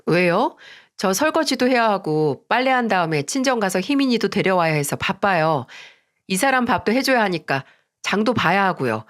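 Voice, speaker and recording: A woman's voice: mid-range voice, big pitch swings, moderate pace, close to an everyday voice. A woman voicing a resentful daughter-in-law who answers her mother-in-law curtly and defensively in a radio story drama. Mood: curt defiant. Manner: curt, dismissive and defensive. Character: defiant, resentful young wife and daughter-in-law.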